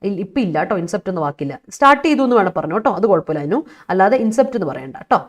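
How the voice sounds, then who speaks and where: A woman English teacher from Kerala talks rapid-fire in a live online vocabulary class, her medium-pitched voice making big pitch swings. She reads student chat aloud, mixes English words into her explanations, and laughs often while answering her students.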